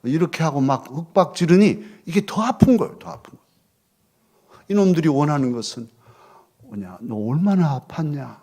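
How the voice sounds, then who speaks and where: Expressive male pastor preaching. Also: a little high, moderate pace, long pauses. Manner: expressive, swings from loud questions to soft near-whispers. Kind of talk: sermon. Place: church sanctuary.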